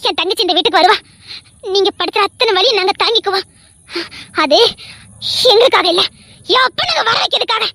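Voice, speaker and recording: A woman's voice: very high voice, a little fast, gravelly, long pauses, sharp tone, no room sound, exaggerated voice. A woman voicing a fiercely devoted young wife who pleads in a tearful, vehement way. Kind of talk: dramatic audio story acting.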